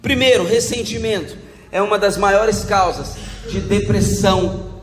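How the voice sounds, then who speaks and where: A man's voice: sits high, measured pace, a little hiss or hum. A male pastor preaching a sermon, acting out little scenes and calling out to the congregation. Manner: preaching with acted-out quotes, calls to the congregation. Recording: echoey hall with faint ambience.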